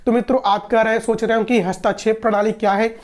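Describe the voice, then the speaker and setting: Woman teacher, slightly high voice, patient exam-prep lecture, repeats and rephrases. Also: flat delivery, fast, a little mellow. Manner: explanatory, repeats and rephrases, asks and answers own questions.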